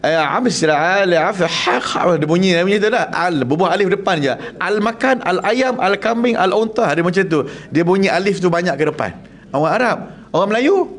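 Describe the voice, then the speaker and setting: A man with a Malaysian Malay accent teaching Quran recitation to a class in a prayer hall, lively and jokey, quizzing his listeners and demonstrating Arabic sounds. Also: high voice.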